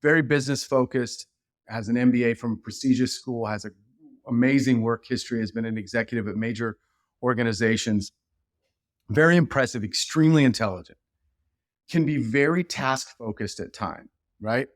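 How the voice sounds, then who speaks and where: This is a middle-aged man guesting on a podcast, an animated storyteller who rambles and restarts as he goes. His voice sits at an ordinary middle pitch. The sound is dry and close to the mic. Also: normal speed, dry recording. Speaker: podcast guest, leadership expert. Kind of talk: casual podcast conversation.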